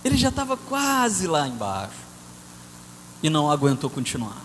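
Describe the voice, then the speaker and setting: A man preaching a sermon, telling a story in an animated way that swings between loud and soft. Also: a little high, normal speed. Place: church hall. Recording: church hall reverb with faint noise.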